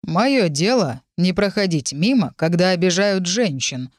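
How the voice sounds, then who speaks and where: A woman voicing a tall, calm, kind working man who speaks quietly but firmly, as in an audiobook. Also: on the low side, a little slow, no room sound, studio quality. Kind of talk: audiobook voice acting.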